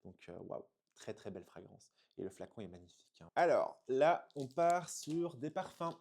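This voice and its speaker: A man from France talks through perfume samples in a gushing, exclamatory way, often pausing on fillers as he searches for words. His voice is mellow and dark-toned, sitting at an ordinary pitch. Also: big pitch swings, creaky. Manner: gushing, exclamatory, frequent hesitations. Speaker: perfume reviewer. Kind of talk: enthusiastic unboxing review.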